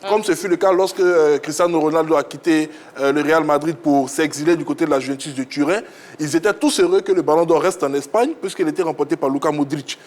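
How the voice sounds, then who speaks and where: Male pundit, slightly high, assured explainer. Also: fast, darkish tone. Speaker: football pundit. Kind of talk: studio analysis.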